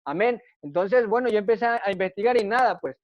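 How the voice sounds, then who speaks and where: In a dry, dull lo-fi recording without echo, a man whose voice sits high preaches quickly and expressively. His testimony sermon is earnest and repetitive, full of rhetorical questions about his own experience.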